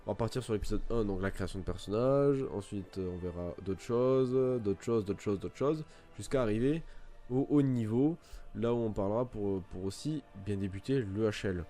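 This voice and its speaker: A gaming video creator talks through a casual, rambling game tutorial, his voice on the low side and mellow at a moderate pace. He fills it with fillers and keeps restarting his sentences.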